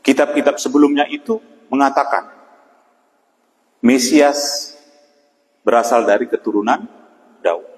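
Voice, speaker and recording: Man preaching an evening devotional, reverberant. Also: medium pitch. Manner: unhurried, with frequent "ya" and pauses. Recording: long hall reverb.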